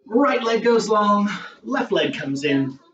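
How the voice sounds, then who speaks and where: A man's voice: high-pitched, slow. Man leading a yoga class in an echoey room. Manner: calm, encouraging cues with casual asides. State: out of breath. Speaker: yoga instructor. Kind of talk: guided yoga class instruction. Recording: roomy, distant, dull camera audio with faint music.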